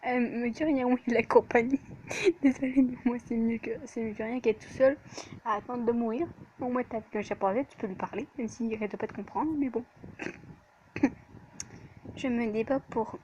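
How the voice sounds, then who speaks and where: A woman's voice: on the high side, steady tone, normal speed, darkish tone, highs cut off, a little hiss or hum. A woman reading a story game aloud in the first person, breaking off for chatty, giggly asides. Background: music.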